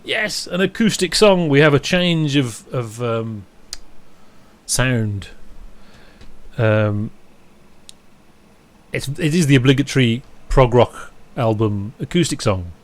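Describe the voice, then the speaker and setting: A man's voice: mid-range voice, expressive, slow, pauses often. A man chatting casually as a podcast co-host, rambling and interrupting himself, with dry chuckles. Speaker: podcast co-host reviewing an album. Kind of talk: casual chat.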